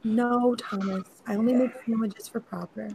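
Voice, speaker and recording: A woman's voice: a little high, fairly even intonation, moderate pace, vocal fry, darkish tone, a little hiss or hum. A woman in a casual group voice chat, teasing her friends playfully while saying her goodbyes. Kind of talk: casual banter.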